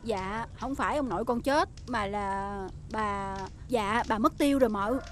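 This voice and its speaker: A woman's voice: on the high side, unhurried, slight background noise, close to an everyday voice. An actress with a Southern Vietnamese accent playing a flustered young servant, anxious and deferential toward her mistress. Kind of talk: TV drama acting.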